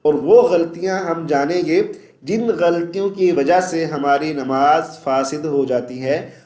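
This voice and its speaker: A man teaching Quran pronunciation, explaining quickly and reciting verses slowly and melodically, often asking "okay?". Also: on the high side, warm tone, echoey room. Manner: often checks in with "okay?" and "theek hai?". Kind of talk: tajweed lesson with melodic recitation.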